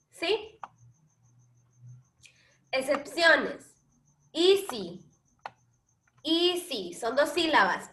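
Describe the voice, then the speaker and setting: A high, bright-voiced woman teaching a grammar lesson in a classroom. She speaks slowly, stretching each example word and pausing to check the class keeps up. The sound rings with noticeable room echo. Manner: slow, drawn-out English examples, frequent checks with the class. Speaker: English teacher.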